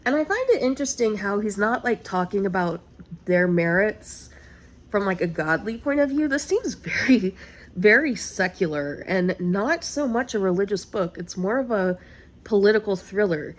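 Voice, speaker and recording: A woman's voice: medium pitch, expressive, normal speed. A tired woman with a Texan accent, rambling casually through a book vlog and laughing often. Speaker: vlogger reviewing a book. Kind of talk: casual talking-head chat.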